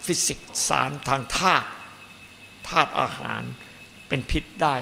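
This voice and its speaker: A man's voice: medium pitch, unhurried, creaky, pushed and bright. A man, a Buddhist monk teacher, giving a dharma talk and stressing points by piling up repeated phrases. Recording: echoey hall, faint noise.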